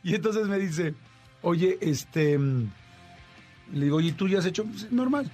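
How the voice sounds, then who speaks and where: A man's voice: high-pitched, a little slow, soft background music. A man with a Mexican Spanish accent, a radio host and voice actor, telling a story in casual chat and acting out the dialogue. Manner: animated, acts out dialogue with shifting voices.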